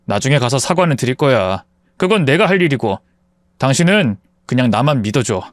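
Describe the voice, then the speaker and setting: A man's voice: mid-range voice, big pitch swings, a little fast, dry recording, close to an everyday voice. A man voicing a protective young husband who speaks bluntly and firmly. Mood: soft. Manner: firm, exasperated pleading. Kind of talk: storybook voice acting.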